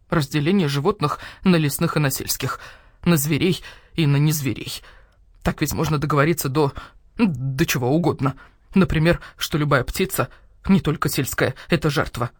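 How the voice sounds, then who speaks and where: A woman's voice: deep voice, normal speed, no echo, studio quality, voice pushed down. A woman voicing a fussy, self-important male rook doctor in a storybook, who lectures and takes offence. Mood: shaken.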